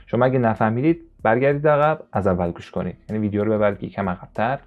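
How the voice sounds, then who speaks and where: A man whose first language is Persian, teaching an English listening lesson and slowly repeating English phrases for his students. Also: fairly low pitch, steady tone, phone-quality sound. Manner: slow, drawn-out repetition of English phrases.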